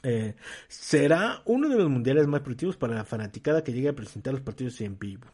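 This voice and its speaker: A man's voice: medium pitch, sing-song, quick pace, a little mellow, husky. A man with a Mexican accent gives his opinion in a casual rant, full of slang, swearing and fillers. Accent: Mexican Spanish. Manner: slangy and profane, many fillers. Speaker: commentator.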